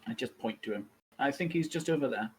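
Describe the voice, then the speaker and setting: A player who takes part in a tabletop game with wry, deadpan remarks. The voice is somewhat husky and sits at a middle pitch. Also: fairly quick, rough recording. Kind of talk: tabletop role-play in character.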